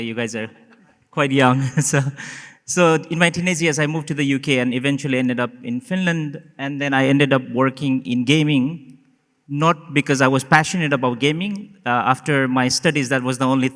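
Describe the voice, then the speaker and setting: A man's voice: medium pitch, moderate pace, fairly bright tone. A man from Nepal introducing himself on a conference panel, chatty and self-deprecating. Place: conference hall. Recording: reverberant conference hall.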